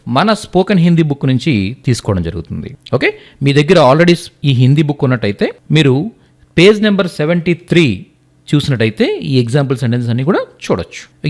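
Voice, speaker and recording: A man's voice: on the high side, darkish tone. A man teaching a spoken language lesson, repeating example phrases and often checking that the learners follow. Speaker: Hindi teacher. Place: teaching at a writing board.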